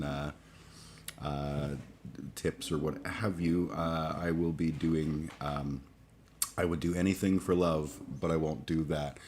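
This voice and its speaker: With a bass voice that's a little mellow, a man in his forties hosts a laid-back livestream chat while still groggy from a late night. He talks haltingly, packed with fillers, restarts, and profanity, and a bit of hiss or hum sits under the audio.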